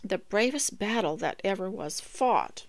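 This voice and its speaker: An older woman talks casually about home life and raising children. She rambles gently and often restarts her sentences, and her voice sits at an ordinary pitch. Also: animated, unhurried. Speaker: homemaking radio host. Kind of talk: casual homemaking talk with poem reading.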